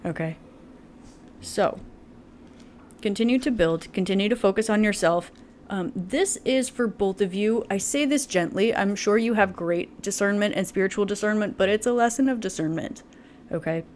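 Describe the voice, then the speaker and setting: A woman talks straight to her viewers through a casual tarot reading. She is chatty and loose, with plenty of fillers, and she keeps laughing between thoughts. Her voice sits at a mid pitch. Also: moderate pace, a little mellow, slight background noise. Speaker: tarot reader.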